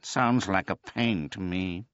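A man's voice: deep voice, fairly bright tone, smooth, dry recording, lo-fi sound, pitched above the performer's own voice. Man voicing a weary old tomcat. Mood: dry. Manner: dry, unhurried, noncommittal.

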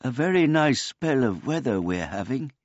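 A man voicing a simple, gentle old man who speaks of himself in the third person in a meek, courteous way. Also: medium pitch, very animated, normal speed, no room sound, highs cut off, pitched above the performer's own voice, lightly acted. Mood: earnest.

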